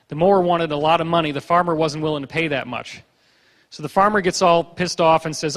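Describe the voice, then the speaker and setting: A man on stage telling stories to a hall, with a fairly high voice for a man and a long reverb trailing each phrase. He talks in a joking, animated way and slips in quick voiced asides as he moves through his slides. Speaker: conference speaker. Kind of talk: conference lecture with slides.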